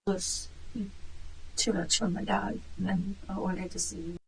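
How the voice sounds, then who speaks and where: A woman with a husky voice answers police questions as a cornered suspect, halting, subdued and upset. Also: medium pitch, flat delivery, a little hiss or hum, poor audio. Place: police interview room.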